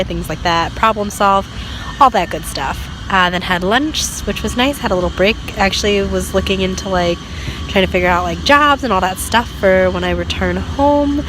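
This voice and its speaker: Young american girl vlogging on her phone in the park, chatty, lots of likes and um, bit of traffic noise. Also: mid-range voice. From United States. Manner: chatty, laughs often, many fillers. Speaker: vlogger and language assistant at a school. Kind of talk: casual vlog chat. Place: outdoors in a park.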